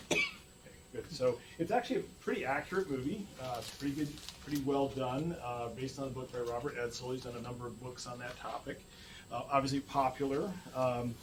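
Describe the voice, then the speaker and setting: A man giving a public university lecture to an audience, halting with many fillers and restarts. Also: mid-range voice. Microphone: room mic far from speaker. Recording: distant mic, faint room noise.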